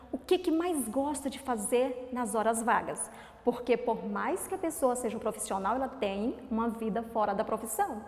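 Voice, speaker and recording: Animated Brazilian teacher, echoey room. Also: female voice, a little high. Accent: Brazilian Portuguese. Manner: animated, sing-song teacherly coaxing. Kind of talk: recorded remote lesson for children.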